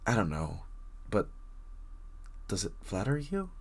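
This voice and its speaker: Playing a flustered, painfully shy bookworm in an intimate roleplay audio drama, this man stammers, rambles and nervously apologises to the listener. The full character voice is lowish, husky and darkish, very animated and a little slow.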